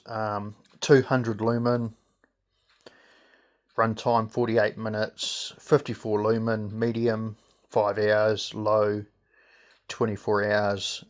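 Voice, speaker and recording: Slow-talking New Zealand man. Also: fairly low pitch. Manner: halting, hesitant delivery with pauses. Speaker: gadget reviewer. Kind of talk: casual unscripted product review.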